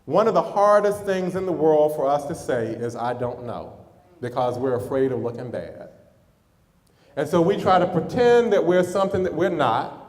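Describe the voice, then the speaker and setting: A middle-aged pastor preaches in a storytelling way, his voice a little higher than most men's. He talks straight to the congregation, and the sound rings out in a big hall with a long reverb. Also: moderate pace, a little mellow. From United States. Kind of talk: sermon.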